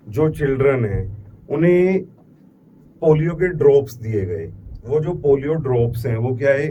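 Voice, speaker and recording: Indian male lecturer, mellow distant voice. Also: medium pitch. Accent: Indian English. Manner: mixes in English terms, repeats key words, asks and answers own questions. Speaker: biology lecturer. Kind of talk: classroom lecture. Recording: distant mic with faint background noise.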